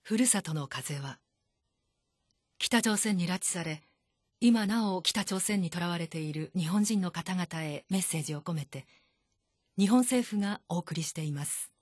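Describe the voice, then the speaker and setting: A woman radio announcer reading a formal, polite scripted broadcast announcement in a measured way. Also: on the low side, lively intonation, darkish tone, breathy edge, dry recording, clean studio sound.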